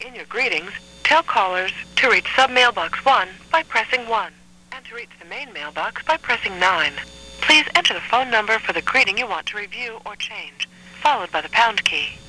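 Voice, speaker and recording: A woman reading scripted phone menu prompts as an automated voicemail voice, in measured, clearly segmented instructions over a telephone line. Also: fairly high pitch, lively intonation, sharp tone, slight background noise.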